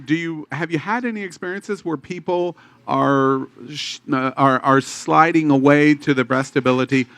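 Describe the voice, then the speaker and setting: Bright-voiced male podcast host. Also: a little high, normal speed, hardly any pauses, smooth, no room sound. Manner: hesitant, full of restarts and fillers, playful. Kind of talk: casual group chat.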